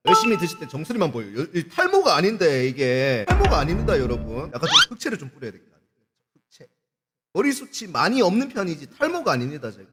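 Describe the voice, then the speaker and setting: A man's voice: high voice, huge pitch swings, fast. A young man with a Gyeongsang Korean accent, a nurse chatting with viewers on a live stream in a joking, cheeky way. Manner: joking, cheeky, swears freely, acts out quoted people. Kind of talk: casual live-stream chat. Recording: music playing under the voice. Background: background music.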